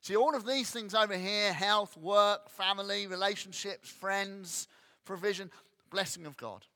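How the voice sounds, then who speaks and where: Animated preacher with a bright voice in a reverberant hall. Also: male voice, sits high, measured pace. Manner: animated, acts out grumbling voices. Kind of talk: sermon.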